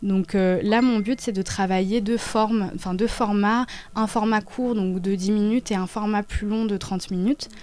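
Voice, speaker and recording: A woman in her twenties, a dancer and choreographer, talks about her work in a casual interview, halting often as she searches for words. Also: medium pitch, steady tone, a little mellow. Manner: halting, with many hesitations.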